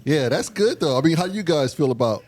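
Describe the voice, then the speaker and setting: A man's voice: fairly high pitch, expressive, quick pace, a little mellow, dry recording. A man hosting a casual group interview, eager and asking probing questions. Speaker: host.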